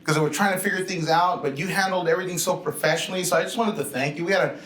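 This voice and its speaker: A man's voice: sits high, steady tone, very fast, fairly bright tone, a little hiss or hum. A man hosting a cruise channel, interviewing casually and effusively with plenty of compliments, in a roomy recording. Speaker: host of a cruise video channel. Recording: echoey, roomy sound.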